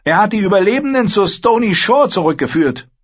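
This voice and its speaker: Man putting on a high scornful young noblewoman, needling, husky, dull lo-fi sound. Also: sing-song, a little fast, a bit bright, full character voice. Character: sharp-tongued mocking young noblewoman, sister. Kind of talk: audiobook character voice.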